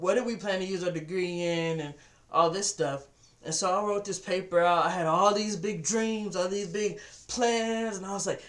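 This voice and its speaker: A man's voice: high voice, a bit bright. A man giving a casual motivational talk to his webcam, telling stories and acting out what people said. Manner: storytelling, acts out quoted voices, repeats words. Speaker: vlogger. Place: at home at a computer.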